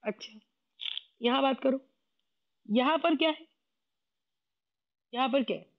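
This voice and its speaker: A woman's voice: sits high, unhurried. Hindi-speaking woman teaching chemistry, lo-fi. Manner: explains step by step, often repeats questions. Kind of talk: classroom lecture.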